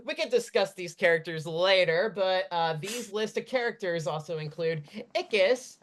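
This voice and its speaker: A woman in her thirties hosting a casual studio podcast, laid-back and trailing off softly. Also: on the low side, moderate pace. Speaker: podcast host. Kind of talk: casual chat.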